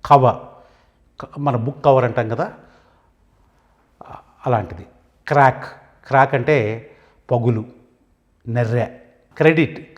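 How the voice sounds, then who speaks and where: A man with a Telugu accent teaching an English vocabulary lesson, saying each word and then giving its meaning, with pauses between items. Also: mid-range voice, muffled recording.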